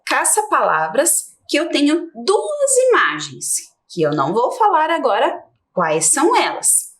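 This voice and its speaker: A Brazilian woman teaching a televised lesson to small children, her fairly high voice rising and falling in a lively sing-song. She slows down and draws out key words so the class can follow. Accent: Brazilian Portuguese.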